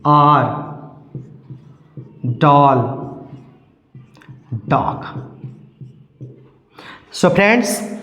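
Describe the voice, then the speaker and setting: A man teaching an English grammar lesson, drilling each word slowly and asking questions he then answers himself. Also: high voice, a little mellow. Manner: slow, repetitive drilling of words, asking and answering his own questions. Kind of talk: classroom-style grammar lesson. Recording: echoey room with long reverb.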